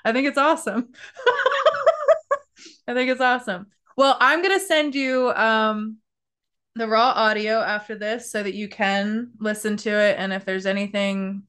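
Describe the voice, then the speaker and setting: A woman from Maryland hosting a podcast, chatting casually and warmly over a video call, often restarting her sentences. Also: mid-range voice, flat delivery, clear, resonant tone. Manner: chatty, friendly, with halting restarts. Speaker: podcast host. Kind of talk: casual chat.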